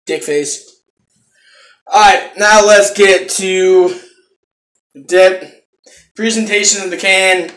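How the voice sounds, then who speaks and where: A young adult man casually reviews a product for his viewers from a small room at home, cursing often in a laid-back way and filmed close up on a phone camera. His high-pitched, fairly bright voice is steady and slow with long pauses. The recording is reverberant and low quality.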